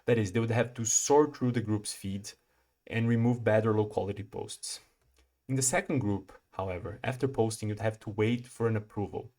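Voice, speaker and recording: A young Brazilian PhD student presents a prepared research talk, explaining things in a measured way and restarting now and then. His voice is lowish, steady, and warm.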